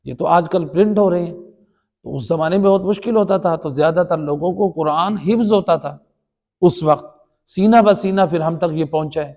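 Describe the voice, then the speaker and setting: A man's voice: a little high, darkish tone. A man with a Pakistani Urdu accent teaching the Quran in a religious lecture, explaining by repeating points and asking rhetorical questions. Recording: long hall reverb.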